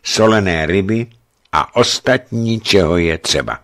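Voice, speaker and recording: A man's voice: low-pitched, a bit bright. A man voicing a stern, commanding old bishop who speaks solemnly.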